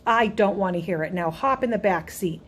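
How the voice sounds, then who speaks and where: A woman voicing a stern, worried mother who fusses and scolds her children in a sharp, raised voice. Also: mid-range voice, lively intonation, fairly quick, slight background noise, close to an everyday voice. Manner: sharp, scolding, fussing questions.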